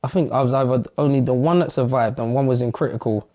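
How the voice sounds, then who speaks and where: A man's voice: mid-range voice, quick pace, mellow. A young man from London, a podcast co-host in the guest seat, talking things over in a rambling, reflective way with lots of "you know what I'm saying". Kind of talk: casual podcast conversation.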